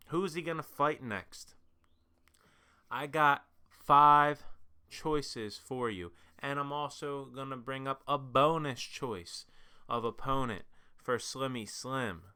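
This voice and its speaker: A young man talks in a relaxed vlog style, building hype at times and then rambling casually with fillers like "uh" and "um." His voice is bright and forceful, and very clean and crisp. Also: mid-range voice. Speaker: influencer boxing commentator.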